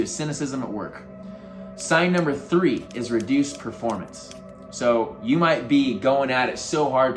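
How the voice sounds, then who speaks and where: A man talking as a life coach, giving earnest motivational advice to camera in a casual way with lots of fillers. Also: medium pitch.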